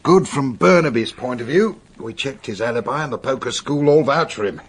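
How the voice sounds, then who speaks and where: An actor playing an earnest, harried British police inspector in a radio drama, husky, serious and blunt. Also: male voice, mid-range voice, animated, fairly quick. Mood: sober reporting.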